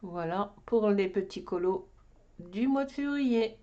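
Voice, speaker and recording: Slow, mellow French-speaking woman vlogger. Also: mid-range voice, expressive, highs cut off. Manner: rambling, talks to herself while searching. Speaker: craft vlogger. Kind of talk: casual show-and-tell chat.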